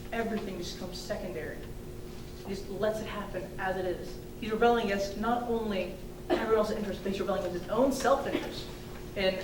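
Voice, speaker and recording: A young woman giving a student thesis defense presentation in a hesitant, halting way with informal hedging asides. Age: young adult. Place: indoor room, recorded from a distance. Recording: echoey room, distant mic, rumbling noise.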